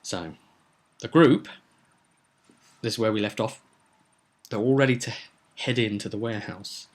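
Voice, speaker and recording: A man with a lowish voice talks a little slowly as a game master, recapping a roleplay session for vlog viewers. His casual recap rambles conversationally, with some dramatic emphasis.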